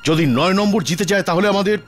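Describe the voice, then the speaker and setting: A man's voice: high voice, steady tone, fast talker, soft background music, natural voice. A man playing a businesslike casino croupier who calls out to gamblers in a dubbed TV thriller. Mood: wary. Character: casino croupier, male barker calling for bets.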